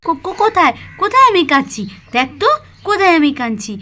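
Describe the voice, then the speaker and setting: A woman's voice: extremely high pitch, sing-song, quick pace, pushed and bright, a little hiss or hum, voice pushed up, heavily acted. Woman voicing a tender village mother. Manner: emotional, soothing and tender toward her daughter. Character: poor, self-sacrificing young village mother.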